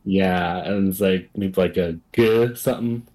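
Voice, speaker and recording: A man's voice: low voice, unhurried, warm tone. A man guesting in a casual chat, thinking aloud hesitantly while guessing sounds.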